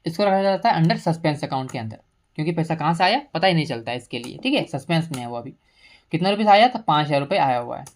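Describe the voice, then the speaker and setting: A woman teacher giving a step-by-step software tutorial at her computer, explaining each entry while mixing English terms into her speech. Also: sits low, lively intonation, fast talker. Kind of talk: screen-recorded software tutorial.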